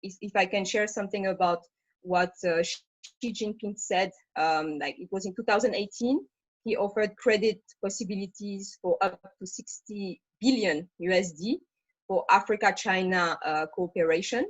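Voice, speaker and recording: Speaking at a normal speed in a mid-range voice, a woman from Senegal serves as a webinar panelist and managing director. Her talk is unscripted, full of hesitations and fillers, and the video-call recording sounds dull and dry.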